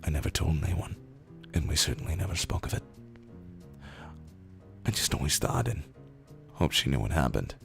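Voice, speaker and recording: Reading internet posts aloud as short stories, a man goes slow, low and dramatic, lingering over words and pausing, with lively intonation. His raspy, rumbly voice carries gravelly fry, hoarse after days of screaming, and faint music plays underneath.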